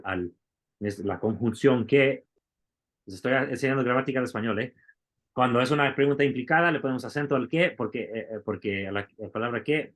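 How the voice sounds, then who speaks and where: In a classroom lecture on Bible Greek, a man with a mid-range, slightly bright voice explains the material step by step and asks his students questions.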